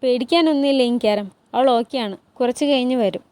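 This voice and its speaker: A woman voicing a caring, concerned royal princess who reassures her friend. The voice is fairly high, close and dry. It is read out as a retold palace drama. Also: brisk, mellow, dry recording, close to an everyday voice.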